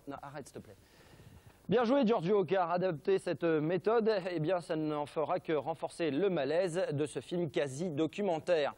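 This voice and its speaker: A television host with a French accent presents film history with ironic, mock-serious humour and jokey asides. His voice is slightly high-pitched and a little mellow.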